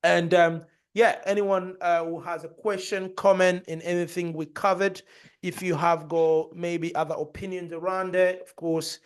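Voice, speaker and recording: Male podcast co-host, playful bragging delivery, casual chat, voice pitched a touch high. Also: little pitch movement, moderate pace, clean tone. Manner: boastful, joking, laughs often.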